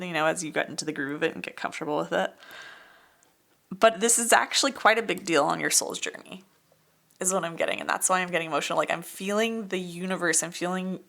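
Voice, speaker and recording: A woman reads tarot cards to her viewers with a low voice that has some fry in it. She talks in a chatty, gushing way, full of likes and you knows. She often gets emotional. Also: fairly bright tone. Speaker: tarot card reader. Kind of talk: pick-a-card tarot reading.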